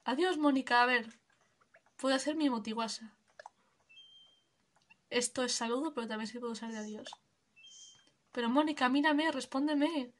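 A woman's voice: high voice, moderate pace, pauses often. A young woman, giving casual gameplay commentary, chatty and giggly, thinking aloud. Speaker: gaming video creator.

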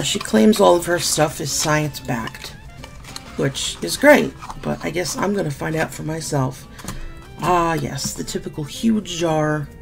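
A sick beauty vlogger unboxes makeup in a small room at home, chatting candidly with mild sarcasm. She is losing her voice, speaks in a low, croaky fry, and has a deep cough. The audio has webcam sound.

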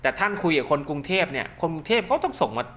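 Fast-talking man, bright voice, demonstrating gear. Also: fairly high pitch, sing-song. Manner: repetitive, with frequent polite tags. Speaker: product demonstrator and maker of radio link cables. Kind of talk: informal hands-on demonstration with explanation. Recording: clear background noise.

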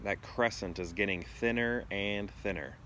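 Filming on a phone held at arm's length, a man in his forties casually vlogs from his residential backyard while watching the sky. He speaks at normal speed in a lowish, slightly bright voice, musing tentatively and frequently trailing off mid-thought. Clear outdoor ambient noise is audible.

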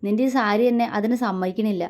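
A woman's voice: medium pitch, fairly even intonation, fast talker, a little mellow, close to an everyday voice. A woman voicing a playful young husband who teases his wife with mock sternness. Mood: teasing. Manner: teasing, mock-stern, demanding.

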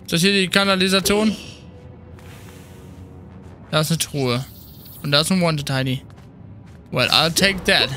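Chatty male streamer, bright voice. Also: a little high, unhurried, long pauses, soft background music. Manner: chatty, mixes in English slang. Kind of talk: casual let's-play commentary.

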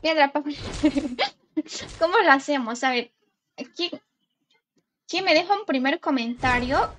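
Una mujer joven que transmite en directo un juego, charlando de forma juguetona y leyendo en voz alta los nombres de su chat. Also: female voice, high voice, lively intonation, slow pace, background noise. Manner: chatty, playful, greets viewers and reads chat names aloud. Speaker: gaming live streamer. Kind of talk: casual live stream chat.

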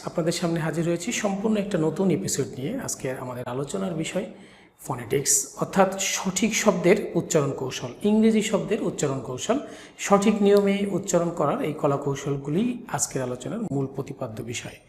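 A man with a Bangladeshi accent teaching English pronunciation in a video lesson, drilling example words slowly and repeating them for emphasis. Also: on the high side, animated, a little mellow. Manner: stretches and repeats example words slowly, switching between two languages. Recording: echoey room with long reverb, faint ambient noise.

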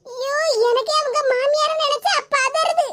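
Woman voicing a high, fretting village gossip, Tirunelveli Tamil, noisy. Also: steady tone, normal speed. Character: gossiping neighbor woman, Kamala. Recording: loud background noise.

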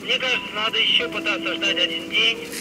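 A man's voice: sits high, moderate pace. A man speaking over a crackly two-way radio as the surface contact, in terse calls that end with "over". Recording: distant noisy radio transmission.

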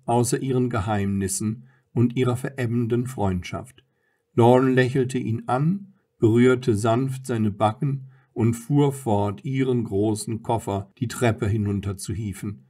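Male audiobook narrator, calm and measured. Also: mid-range voice. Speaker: audiobook reader. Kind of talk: scripted narration.

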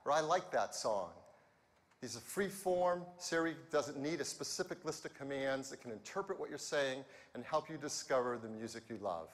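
An enthusiastic middle-aged man presents a product keynote from a big arena stage, his voice sitting a little high for a man. A headset mic carries it into a hall with a long, lingering reverb. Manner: enthusiastic, walks the stage gesturing. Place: large arena stage before a big audience.

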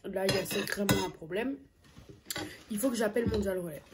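A young woman food vlogger eats on camera while casually telling a story, her medium-pitched voice moving fairly quickly and full of hesitant fillers. She sits close to the camera in a small room, and the recording is very noisy.

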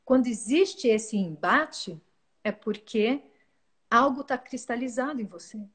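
A woman, giving a calm, earnest spiritual talk as a guest, often restarting her words mid-phrase. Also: fairly high pitch, measured pace, breathy edge. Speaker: guest speaker.

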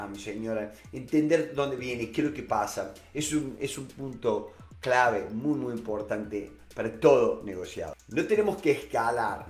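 A middle-aged man with a Rioplatense Spanish accent, giving a motivational talk on negotiation, full of fillers, repeated words and rhetorical questions. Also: medium pitch. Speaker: negotiation expert and author. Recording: echoey room with faint music.

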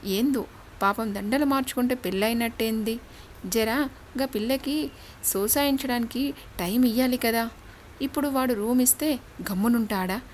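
A woman narrator voices a worried middle-aged village housewife, who soothes others in a motherly way. The voice sits fairly high, with a faint hiss behind it. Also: normal speed, long pauses, natural voice.

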